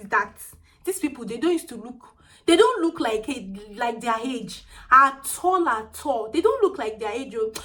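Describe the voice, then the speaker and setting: In her casual storytelling vlog, this Nigerian woman chatters away animatedly and mixes in bits of pidgin. Her voice is high and small.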